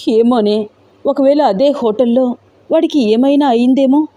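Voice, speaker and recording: A woman's voice: sits high, unhurried, mellow, no room sound, dull audio, voice pushed up. A woman doing a doubtful, worried older sister.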